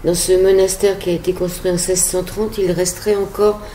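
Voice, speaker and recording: A woman's voice: fairly low pitch, flat delivery, brisk, dark tone, roomy sound, a little hiss or hum. A woman hosting a radio interview, asking questions in a conversational, slightly hesitant way. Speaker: radio host.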